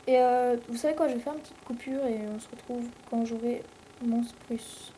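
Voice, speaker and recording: Une jeune femme à l'français commente sa partie de jeu vidéo sur un ton décontracté et bavard, avec beaucoup d'hésitations. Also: female voice, fairly high pitch, fairly even intonation, normal speed, mellow, a little hiss or hum, rough recording. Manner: rambling, chatty, many fillers. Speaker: let's play host. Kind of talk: casual gameplay commentary.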